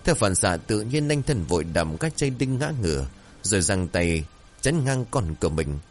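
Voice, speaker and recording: Low-voiced man telling a dark tale. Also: moderate pace, soft background music. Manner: dramatic, expressive. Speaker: storyteller. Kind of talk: dramatic horror story narration.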